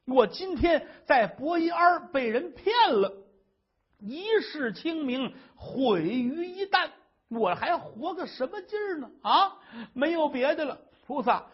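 A man's voice: extremely high pitch, husky, lo-fi sound, pitched above the performer's own voice, heavily acted. A man voicing a distraught young wife who pleads through sobs. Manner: pleading, sobbing.

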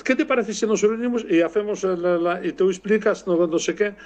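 A man from Spain, a former basketball player, chatting casually and telling animated stories, swearing now and then. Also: high voice, a little fast, muffled recording. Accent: Spanish from Spain. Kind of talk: casual chat.

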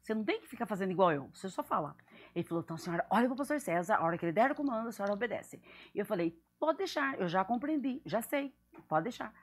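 A woman pastor speaks in a relaxed church interview. She is animated and laughs often, acting out little scenes and quoting others as she tells them. Her voice sits in an ordinary middle pitch. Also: very fast. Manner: animated, laughs often, acts out what people said. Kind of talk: casual church interview, storytelling.

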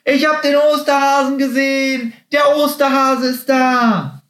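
A man voicing an eager, excitable male mascot creature in a children's story. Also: mid-range voice, normal speed. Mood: overjoyed. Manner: excited, breathless, eager questions. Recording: roomy echo.

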